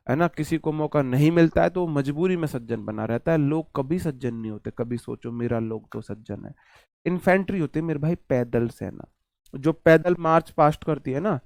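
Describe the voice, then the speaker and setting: A male teacher gives an online exam-prep lesson, his voice a touch higher than most men's. He talks in a chatty, repetitive way, drilling key words and throwing in joking asides. The sound is close and dry, with no room echo. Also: a little mellow.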